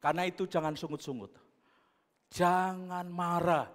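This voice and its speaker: A man, a pastor, preaching a sermon. He moves between booming exhortation and quiet, chatty asides. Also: fairly even intonation, measured pace. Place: church hall. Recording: long church reverb.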